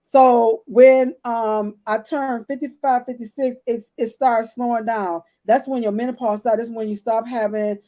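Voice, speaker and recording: A woman in her late fifties, co-hosting a podcast, shares her own story in a casual health chat, speaking bluntly and directly to the "ladies" listening. Her slightly high voice is mellow and relaxed, and she talks at an unhurried pace with hardly any pauses in this easygoing, personal conversation.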